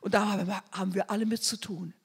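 Woman, preacher, fervent sermon, husky voice, long hall reverb. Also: medium pitch, fairly even intonation, fast talker. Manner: fervent, swinging between loud declarations and hushed asides.

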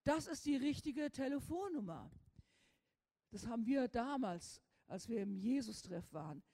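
Casting: middle-aged woman preacher, fairly high voice, fervent, with a long hall echo. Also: big pitch swings, unhurried. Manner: fervent, shifts from quiet confiding to loud commanding. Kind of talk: sermon.

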